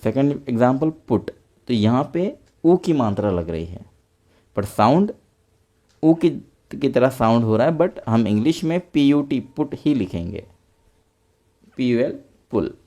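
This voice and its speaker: A man teaching English pronunciation in a patient, repetitive way, spelling out words letter by letter and then saying them slowly. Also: mid-range voice, very animated, dark tone. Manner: patient, repetitive explaining, addresses viewers as friends. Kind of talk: explanatory online lesson.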